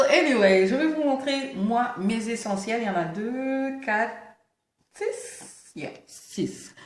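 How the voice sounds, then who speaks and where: Speaking casually to camera, a beauty vlogger from Senegal has a higher-pitched voice carrying a faint hiss or hum. A lisp makes her s sounds slushy, and she talks emphatically, mixing in English interjections, in a roomy space that echoes.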